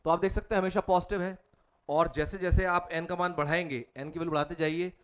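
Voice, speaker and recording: Man, maths tutor, fairly high voice, step-by-step board working. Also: fairly even intonation, fairly quick. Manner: talks students step by step through working out each problem. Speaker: mathematics tutor. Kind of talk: whiteboard problem-solving lecture.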